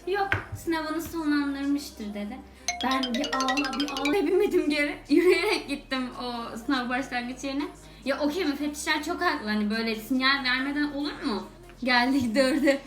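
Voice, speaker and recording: A young woman with a high, bright-sounding voice tells a funny personal story straight to camera. She exclaims and laughs as she goes. Her voice rings in an echoey room, with music playing clearly underneath. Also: normal speed. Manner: animated, exclaiming, laughing between lines. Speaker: vlogger.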